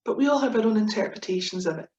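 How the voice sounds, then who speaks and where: A Scottish woman writer with a broad accent gives a humorous talk with slides in an indoor room, reading out verse in a playful, self-mocking, theatrical style. Her mid-range voice is expressive, a little mellow and very fast. The room is echoey and the sound dull and muffled.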